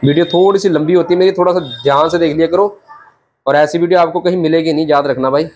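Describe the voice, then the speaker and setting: Wearing a lapel mic in his small shop, a young barber walks the camera through a haircut step by step in a hands-on tutorial, friendly and brotherly, repeating "theek hai" again and again. His voice is a little high with a darkish tone, fairly even intonation and a fast delivery.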